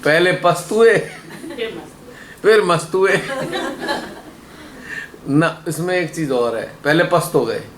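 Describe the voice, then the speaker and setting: Brief: fairly high-voiced man, playful spiritual speaker, echoey hall with faint ambience. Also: animated, takes it slowly, pauses often, noisy background. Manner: playful, rhyming wordplay, laughs between points. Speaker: meditation workshop speaker. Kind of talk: spiritual talk to a gathering. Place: workshop hall.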